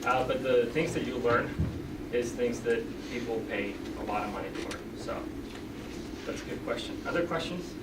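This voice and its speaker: Breathless and cheerful, a young man from Finland presents a class announcement, his medium-pitched voice at a moderate pace and peppered with fillers. The audio is distant and roomy, with heavy background noise.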